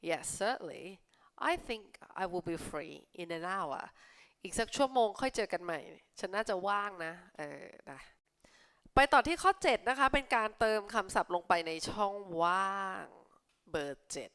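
A young woman tutoring children for an English exam, reading English lines slowly and explaining them in a friendly, teacherly way. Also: mid-range voice, expressive, a bit bright, smooth. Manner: friendly teacherly tone, ends with polite particles. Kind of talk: exam answer walkthrough for young pupils.

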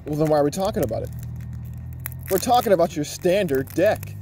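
A man casually commenting on opened cards, enthusiastic and quick with asides. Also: a little high, animated, dark tone, a little hiss or hum. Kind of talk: casual card-opening chat.

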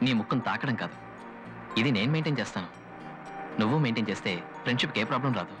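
An actor playing an earnest, principled young man who answers in a calm, polite way. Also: mid-range voice, over music, close to an everyday voice. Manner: calm, measured, polite replies. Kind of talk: dubbed film dialogue.

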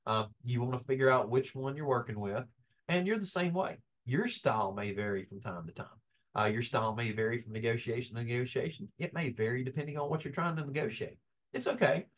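A man's voice: medium pitch, fairly quick. Folksy man teaching a workshop. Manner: folksy, animated, acts out quoted dialogue. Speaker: business workshop presenter. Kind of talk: lively workshop lecture.

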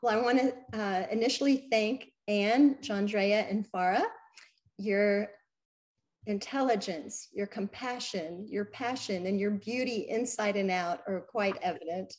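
A woman speaks warmly and appreciatively over a video call. Her voice sits in a middle range. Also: medium pitch, measured pace.

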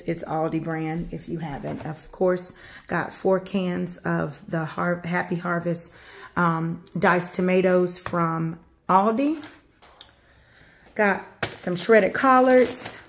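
A woman with a gravelly, lowish voice talks slowly, showing off her grocery haul in a home kitchen indoors. Her casual show-and-tell narration is relaxed and rambling. She says "um" a lot while listing items.

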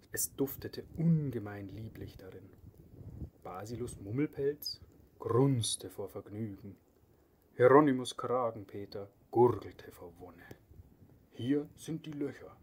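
Guy reading an animal fairy tale real slow and calm, faint hiss in the back. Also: fairly low pitch. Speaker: narrator. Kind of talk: storybook reading.

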